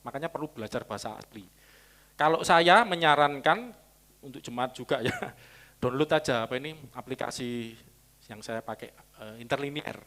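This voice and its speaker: A man's voice: medium pitch, lively intonation, normal speed, sharp tone. A man preaching a Sunday sermon, teaching and explaining original-language words with chatty asides. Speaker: pastor.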